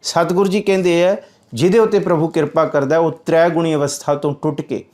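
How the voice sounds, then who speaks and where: A man giving a religious scripture commentary, reciting verses slowly and then explaining them in plain speech. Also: fairly high pitch, fairly even intonation, darkish tone.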